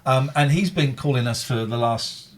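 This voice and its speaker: A man's voice: mid-range voice, normal speed, a little hiss or hum. A man with a British accent hosting a live phone-in show in casual, rambling chat, often repeating his phrases.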